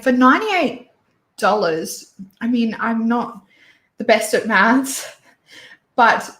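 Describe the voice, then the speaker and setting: A woman hosting a relaxed beauty chat, talking slowly and thinking aloud. She is opinionated, rambles through her fillers and restarts herself often. Her voice rings a little in an echoey room. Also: on the high side. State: hiccups and sneezy. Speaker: beauty YouTuber host. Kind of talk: casual livestream chat reviewing releases.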